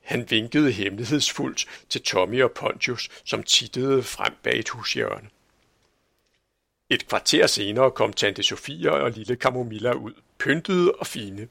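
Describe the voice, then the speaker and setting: A man reads a children's story aloud with a lively, sing-song delivery. His voice is gravelly yet bright, and the recording is close and completely dry. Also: mid-range voice, dry recording. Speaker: narrator. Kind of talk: storybook reading.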